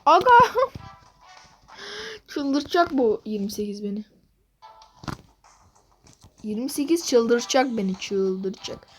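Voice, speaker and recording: A woman hosting her gaming channel, commenting on gameplay in an excitable way and repeating phrases over and over. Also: fairly high pitch, takes it slowly, pauses often, soft background music.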